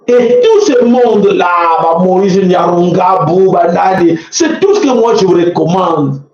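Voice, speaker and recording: A man's voice: high voice, lively intonation, a little slow, warm tone. Fiery Congolese man, very echoey. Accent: Congolese French. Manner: fiery and preachy, mocking and exclaiming. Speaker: political commentator. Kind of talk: impassioned political commentary. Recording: very echoey, dull lo-fi sound.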